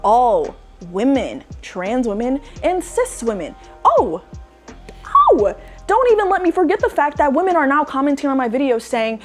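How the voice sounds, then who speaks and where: A woman's voice: high voice, big pitch swings, moderate pace, faint music behind. A young woman giving casual online commentary, exasperated and emphatic, with lots of "like" fillers. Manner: exasperated, emphatic ranting with frequent "like". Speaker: social media commentator.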